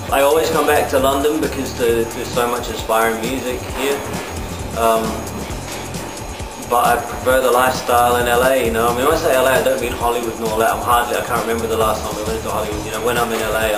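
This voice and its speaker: A man from New Zealand, a music producer, answering interview questions in a relaxed, rambling way with many fillers. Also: mid-range voice. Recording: roomy, distant mic with loud music.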